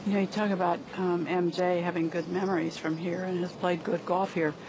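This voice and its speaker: A woman's voice: fairly low pitch, level tone, brisk. A woman giving conversational live commentary as a golf analyst. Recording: clear outdoor ambient noise.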